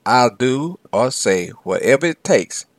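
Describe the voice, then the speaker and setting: A man voicing a sly, boastful male devil who gloats about his lies, speaking slowly and smugly in a dry, close recording. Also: medium pitch, big pitch swings, no room sound. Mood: gloating.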